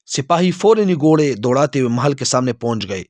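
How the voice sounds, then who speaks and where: Male storyteller, steady clear reading, mid pitch, dry close recording. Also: no echo. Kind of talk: scripted storybook narration.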